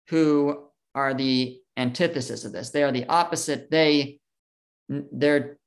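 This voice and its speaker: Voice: mid-range voice, a bit bright, low-quality recording. Conversational teacher reading verses aloud. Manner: conversational, reads verses aloud with frequent fillers. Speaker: Torah class teacher. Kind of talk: text study lesson.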